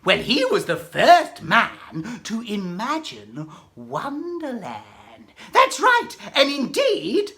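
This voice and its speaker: A woman playing a zany, excitable Mad Hatter in a theatrical children's monologue, whimsical and exclamatory, chatting to young listeners. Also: a little high, slow, few pauses, full character voice. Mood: mock scared, confiding. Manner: whimsical, exclamatory, giggles at own jokes, chatty with audience. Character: zany, giggling, excitable Mad Hatter telling silly jokes. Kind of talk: theatrical children's character monologue and poem recital.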